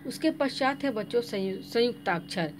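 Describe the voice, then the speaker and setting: A woman's voice: mid-range voice, lively intonation, background noise. A woman teacher with an Indian Hindi accent, patiently explaining a grammar lesson to young children. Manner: slow, patient explaining, addresses the children directly. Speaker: school teacher.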